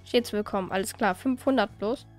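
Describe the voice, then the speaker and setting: A woman's voice: medium pitch, fairly quick, soft background music. A woman hosting a let's play, giving casual, chatty commentary as she plays, often exasperated and swearing lightly.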